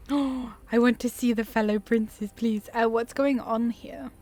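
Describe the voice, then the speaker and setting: A gaming video creator talks in a fairly high, darkish voice with a steady tone and slow pace. Her commentary is casual and enthusiastic, informal and easily sidetracked, and she reads the game's dialogue options aloud.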